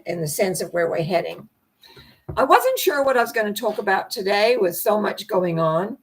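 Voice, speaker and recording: An older woman hosts a spiritual talk on personal growth, chatting in a loose, rambling, conversational way. Her medium-pitched voice is hoarse and croaky, cracking and needing to be cleared, and the audio is poor.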